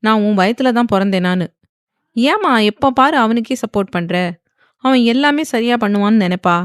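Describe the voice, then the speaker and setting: A woman voicing a sulky, sharp-tongued young wife who complains irritably. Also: fairly high pitch, brisk, dry recording, studio quality, lightly acted. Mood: irritated.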